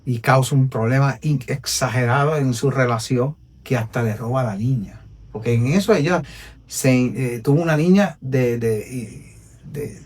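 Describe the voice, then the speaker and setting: A man with a Puerto Rican accent, an evangelist telling his personal testimony on a podcast in an earnest, preacherly way, going from hushed to emphatic. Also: mid-range voice, normal speed, recorded from a distance. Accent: Puerto Rican Spanish. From Puerto Rico.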